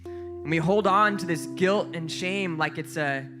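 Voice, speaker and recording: A young male pastor delivering a live sermon, his voice sitting a little high for a man. He tells family stories in a lively way and leaps higher when acting out what others said. Guitar music plays clearly behind him. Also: measured pace. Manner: lively storytelling, voice jumps up for quoted lines.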